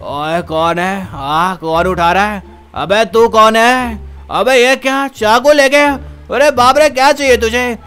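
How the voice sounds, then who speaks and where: A man voicing a frightened male cartoon cat in a game role-play, shrill and panicky. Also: fairly even intonation, moderate pace, few pauses, fairly bright tone, clear, resonant tone, faint music behind. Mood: panicked. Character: panicked male cat Jack, woken and stabbed.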